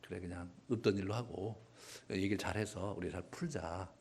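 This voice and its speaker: A man's voice: low-pitched, steady tone, normal speed, darkish tone, a little hiss or hum. A male pastor preaching a sermon in a conversational, humorous way, often acting out voices.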